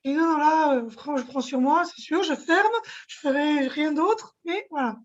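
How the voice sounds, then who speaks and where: A woman's voice: high-pitched, normal speed, dull audio. A woman in her forties, a shop owner and guest, telling stories expressively and laughing often. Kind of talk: casual interview chat.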